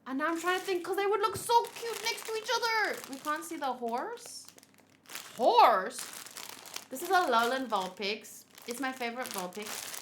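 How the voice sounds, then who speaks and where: A thirty-year-old woman hosting a gaming channel unboxes plush gifts during a casual livestream chat, gushing and rambling cutely. Her voice is high-pitched, pushed and bright, with a slight hiss or hum in the audio.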